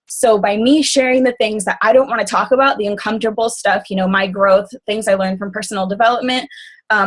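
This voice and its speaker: A woman talking casually on a group call, rambling quickly with lots of fillers. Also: medium pitch, husky. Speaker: team call speaker.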